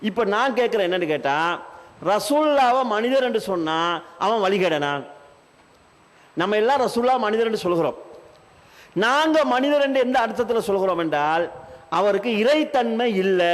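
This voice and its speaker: Sri Lankan Tamil male preacher, very high voice, forceful rhetorical delivery, big reverberant hall. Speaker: speaker at an Islamic conference. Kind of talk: religious lecture.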